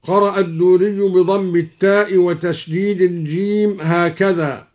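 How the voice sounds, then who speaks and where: A high-pitched man teaches sacred recitation in an unhurried, measured voice. He stops to chant each example slowly and draws it out. The sound is dull and lo-fi. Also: steady tone. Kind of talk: explaining reading variants with slow chanted examples.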